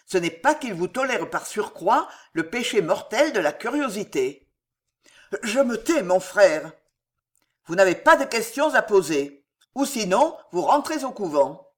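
A reader voicing a sly, stern old monk who is greedy for food and wine, speaking low and commanding. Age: older.

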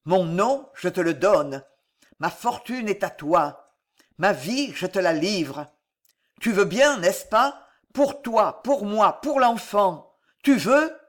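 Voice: medium pitch, expressive, unhurried, lightly acted. A reader voicing a passionate, pleading male monk in a dramatic audiobook, impassioned and insistent. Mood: ardent.

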